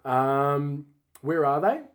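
Laughing, tipsy man pitching absurd ideas. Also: extremely slow, crowd noise. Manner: mock-serious improvised pitching, laughs a lot. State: tipsy from wine. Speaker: podcast co-host. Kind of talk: casual comedic chat.

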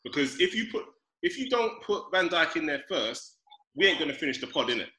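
A man with a London roadman accent and a fairly high, lively, bright voice. He argues emphatically in slang on a casual panel, with the room echoing around him. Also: brisk. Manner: emphatic, repeats phrases, slangy. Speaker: podcast panellist. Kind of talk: casual football debate.

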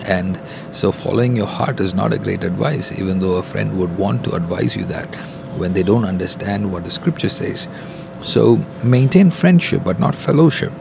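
Man, pastor, deep voice, informal podcast teaching, earnest, halting, in an airport terminal, noisy rumbling background. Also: fairly even intonation, gravelly. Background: airport rumble and noise.

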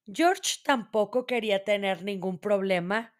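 A woman reading a children's storybook aloud in a gentle, measured way. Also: medium pitch.

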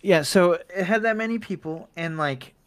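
A man's voice: sits high, moderate pace, clean tone, no echo, clean studio sound. A man hosting a podcast, chatting casually and laughing easily, swearing now and then. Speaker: podcast host.

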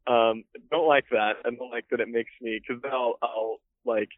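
A man's voice: mid-range voice, fairly even intonation, moderate pace, no echo. A man talking casually over an old flip phone call, laid-back and swearing freely between fillers. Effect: heard over an old flip phone call. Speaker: guest calling in by phone. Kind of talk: casual chat. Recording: tinny phone line, dry.

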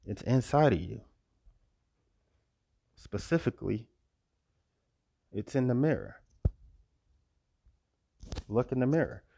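A man's voice: mid-range voice, expressive, takes it slowly, creaky, pauses often, warm tone, slightly rough, no echo, studio quality. A man giving an earnest, preachy spiritual monologue outdoors, repeating his phrases. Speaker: vlogger. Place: outdoors by a road. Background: passing cars and wind.

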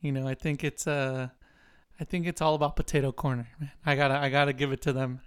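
Smooth-voiced young man in casual chat. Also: fast talker. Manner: joking, animated storyteller who puts on a squeaky kid voice.

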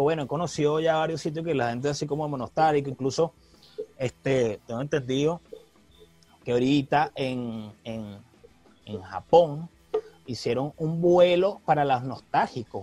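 A man co-hosting a casual chat, talking in a relaxed, slangy way and laughing easily. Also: on the high side, normal speed, dry recording, faint music behind. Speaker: podcast co-host.

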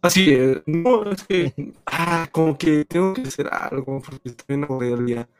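A man's voice: on the high side, normal speed, soft background music. A young adult Mexican man in casual livestream chat, speaking with slang and some swearing.

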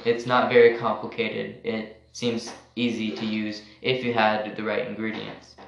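A man running a tabletop game as game master and host, describing scenes plainly and unhurriedly, heard through a low quality voice-chat stream. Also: flat delivery, unhurried, vocal fry, muffled recording. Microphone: computer mic over voice chat. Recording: echoey, noisy low-quality voice-chat audio.

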